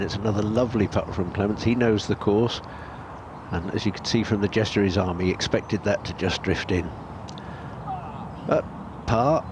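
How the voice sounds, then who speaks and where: A man commentating on a golf tournament as a golf commentator. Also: lowish voice. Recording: noisy outdoor ambience behind voice.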